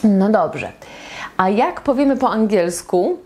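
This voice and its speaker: A woman teaching English in a slow, patient lesson at a whiteboard, repeating each example phrase several times. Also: mid-range voice, lively intonation, dark tone.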